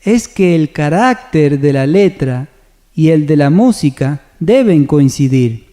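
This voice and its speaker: A man presenting a church music seminar, calmly explaining hymn meter in a measured, scripted way. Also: a little high. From Argentina. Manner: calm, measured explanation with sung hymn examples. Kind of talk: scripted teaching on radio.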